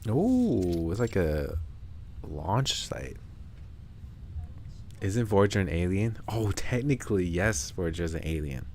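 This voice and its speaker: Man streaming a story game, deep gravelly voice, chill jokey reads, faint music behind. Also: very animated, takes it slowly, pauses often, a little hiss or hum. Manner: laid-back, joking, reads game text aloud. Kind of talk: casual gameplay commentary. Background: soft background music.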